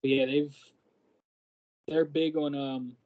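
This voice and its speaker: A man's voice: on the high side, level tone, slow pace, narrow, tinny audio. A man co-hosting a podcast, chatting casually and hesitating with lots of ums while he searches for words. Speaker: podcast co-host. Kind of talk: casual chat.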